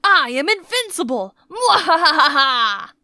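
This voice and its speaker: Woman doing cartoon villain gang boss, slow theatrical menace, sneering and boastful, highish voice, dry sound. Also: no room sound, close to an everyday voice. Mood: menacing, gloating. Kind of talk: animated story character acting.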